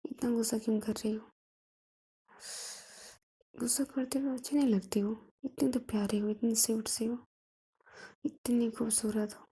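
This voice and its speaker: A woman's voice: on the high side, steady tone, normal speed, pauses often, slightly rough. Woman whispering as a tender young lover. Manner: soft, coaxing whisper. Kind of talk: whispered role-play.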